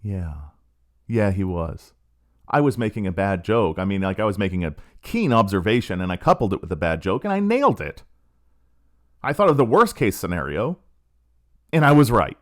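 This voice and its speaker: A middle-aged man with a fairly low voice that swings widely in pitch as he talks. He tells stories in a sardonic, self-aware way, like a podcast host riffing on his own cynicism. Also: sing-song, a little fast. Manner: sardonic, storytelling with acted quotes. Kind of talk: casual monologue.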